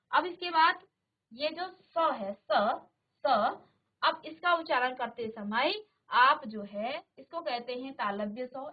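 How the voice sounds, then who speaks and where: A woman teaching a class, slowly sounding out syllables aloud for her pupils to repeat. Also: high voice, dull audio. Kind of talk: classroom lesson. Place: studio virtual classroom.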